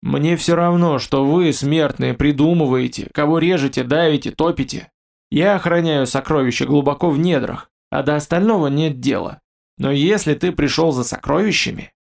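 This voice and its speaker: A man voicing a huge, ancient male beast guarding treasure, gruff, blunt and suspicious. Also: fairly high pitch, normal speed, a little mellow. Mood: indifferent. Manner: grumbling, blunt, menacing. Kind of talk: audiobook character voice.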